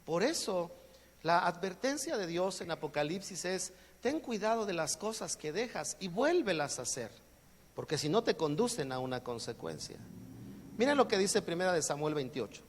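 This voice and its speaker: His voice sits high and swings widely in pitch as he moves at a moderate pace. The man, a pastor with a Mexican Spanish accent, is giving a sermon, joking around and acting out everyday exchanges in a space with long hall reverb.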